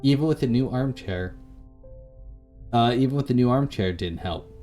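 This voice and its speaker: A let's play YouTuber reads a visual novel aloud with dramatic narration, going back over lines he stumbles on. His mid-range voice is animated and dark in tone, at a moderate pace. Game music plays underneath him.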